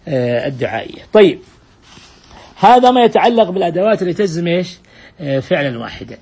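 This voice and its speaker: A man teaches grammar to a class, his voice slightly raised in pitch and somewhat husky. He works through each rule patiently, repeats his examples and keeps asking the students questions. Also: sing-song, fast, a little mellow.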